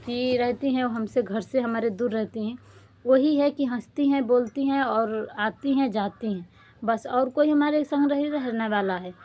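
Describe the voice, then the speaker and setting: एक युवा महिला व्लॉगर, जो बार-बार अपनी बात दोहराते हुए दुखी और गुहार भरे लहजे में अपनी निजी परेशानियाँ सुनाती है।. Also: female voice, high-pitched. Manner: distressed, pleading, repetitive; defiant outburst. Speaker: vlogger. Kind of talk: emotional personal vlog.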